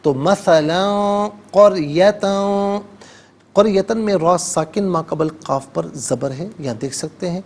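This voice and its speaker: A man teaching Quran recitation on television in Urdu-accented speech, explaining each word methodically and chanting verses slowly. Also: fairly high pitch. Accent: Pakistani Urdu. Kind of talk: televised tajweed lesson with slow chanted recitation.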